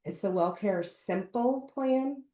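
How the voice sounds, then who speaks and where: A woman's voice: mid-range voice, slow pace, warm tone, roomy sound. A woman insurance agent from central Illinois, chatting casually and explaining plan benefits in detail with plenty of fillers. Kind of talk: casual phone chat about plans.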